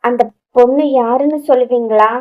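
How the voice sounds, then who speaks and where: A woman's voice: a little high, moderate pace, lo-fi sound, natural voice. Woman voicing a shy hesitant young wife. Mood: hesitant, pleading. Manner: hesitant, stammering.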